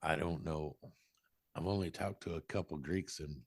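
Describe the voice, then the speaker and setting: Co-host: deep-voiced man, hesitant, stop-start delivery, dry recording. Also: husky, no echo. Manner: halting, many restarts and fillers. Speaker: podcast co-host. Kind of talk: casual chat.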